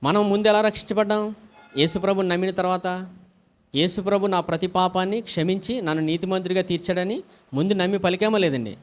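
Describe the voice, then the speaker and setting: A male pastor with a high voice talks fast as he preaches a sermon in call-and-response style. He asks the congregation questions, answers them himself, and calls out hallelujah often.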